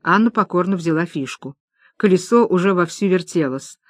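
An audiobook narrator reading a novel aloud in a lively storytelling manner, voicing the dialogue. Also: mid-range voice, normal speed, no echo, clean studio sound. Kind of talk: scripted narration.

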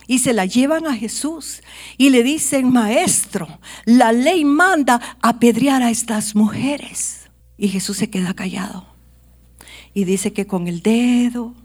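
Woman preaching with sudden whispers. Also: medium pitch. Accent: Guatemalan Spanish. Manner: dramatic preaching, drops to whispers and swells louder. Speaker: pastor. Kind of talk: sermon. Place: church.

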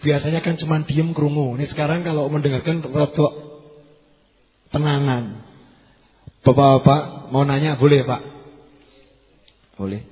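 A man with a Javanese accent, pitched a little high, delivers a sermon in a soft, hushed voice, putting question after question to the audience. The sound is dull and lo-fi, with a long reverb trailing through the hall. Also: fairly even intonation, measured pace, pauses often. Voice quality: softened, quiet voice. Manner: questions the audience, mixes local words. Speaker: preacher.

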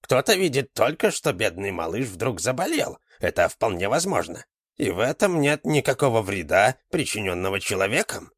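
Old male village fortune-teller, voiced by a man, ominous, exclamatory, drawling, animated pitch. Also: husky, dry recording, clean studio sound, heavily acted. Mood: sly. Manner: excited exclamations, drawn-out words.

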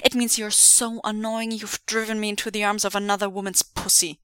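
A woman reading aloud and voicing a blunt, exasperated young woman with a flat, deadpan delivery. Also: lowish voice, a little fast, no echo, clean studio sound.

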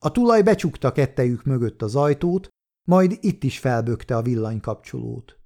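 Guy reading a short story aloud, steady and measured, dark mellow tone. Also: mid-range voice, gravelly. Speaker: audiobook reader. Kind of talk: scripted narration.

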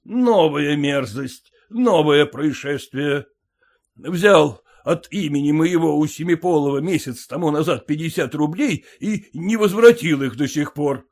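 A man's voice: fairly high pitch, expressive, unhurried. A man doing a blustering, outraged father. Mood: indignant outrage. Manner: exclamatory, shouting in outrage. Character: irate middle-aged father, blustering and indignant.

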